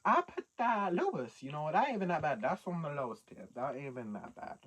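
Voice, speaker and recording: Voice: medium pitch, big pitch swings, fairly quick, a bit bright, slightly rough. A young British adult chatting casually as a video host, reacting to confessions with slangy, incredulous rhetorical questions.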